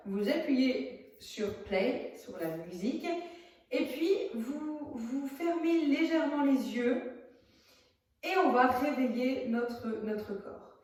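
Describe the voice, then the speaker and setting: A woman theatre workshop teacher giving a casual video lesson, talking with many hesitations while she demonstrates warm-up moves, filmed on a phone from a distance. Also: fairly high pitch. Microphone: phone camera at a distance. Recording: very echoey, voice from far off the phone.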